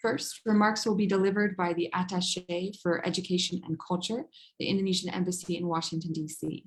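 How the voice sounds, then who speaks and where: A woman in her twenties from the United States hosting a formal online competition, reading greetings and official titles in careful order. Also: lowish voice. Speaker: event host. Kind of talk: formal bilingual event hosting.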